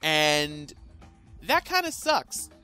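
Man, let's play host, sarcastic rambling commentary, higher pitch, animated. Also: drawn-out words, clear, resonant tone. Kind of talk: gameplay commentary. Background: faint game music.

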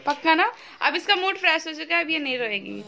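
A woman's voice: very high-pitched, animated, fast, creaky, pushed and bright. A young woman vlogger chatting casually and teasingly with her family at home, laughing often. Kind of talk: casual family vlog chat. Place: crowded family home, indoors.

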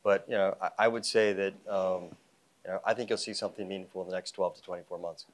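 A man's voice: deep voice, fairly even intonation, fast talker. A man in his fifties, an investment fund founder, answering panel questions on a conference stage through a lapel mic, confident and wry with many fillers. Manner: confident, wry, with frequent 'you know' fillers. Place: conference stage before a live audience.

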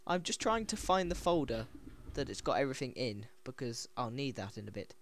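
A man rambling through a gaming commentary, stumbling over words and giggling. His pitch swings widely, and faint noise sits in the background. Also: big pitch swings, fairly quick. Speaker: let's play host.

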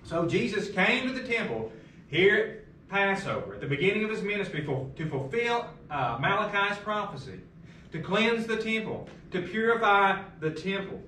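Man, middle-aged, pastor, emphatic sermon, high voice, distant mic. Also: expressive, moderate pace, pushed and bright, a little hiss or hum. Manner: emphatic preaching with rhetorical questions. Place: large carpeted church room with piano, indoors. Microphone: far room camera. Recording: echoey room from far off.

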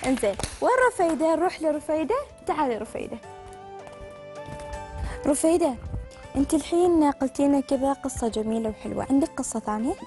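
Lady hosting a kids show, high voice, talks super fast, faint music behind. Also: animated, warm tone. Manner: upbeat, coaxing questions to children. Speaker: children's TV show host. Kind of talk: hosting a children's studio show.

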